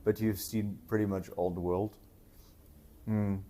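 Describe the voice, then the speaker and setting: Man, podcast host, mellow tone, short backchannels, casual questions with fillers. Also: lowish voice, flat delivery, measured pace. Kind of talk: casual conversational interview.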